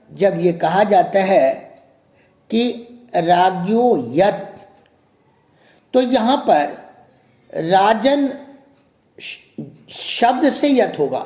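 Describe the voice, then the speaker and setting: A man, a grammar professor, giving a measured recorded lecture and reciting rules slowly. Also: high-pitched, mellow. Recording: echoey room.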